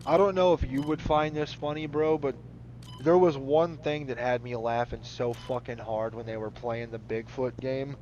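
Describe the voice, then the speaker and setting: A man's voice: medium pitch, fairly even intonation, normal speed, a little mellow, highs cut off, a little hiss or hum. A man chatting casually while playing a game, rambling, laughing often and swearing freely. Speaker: gaming channel host. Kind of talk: casual commentary over gameplay.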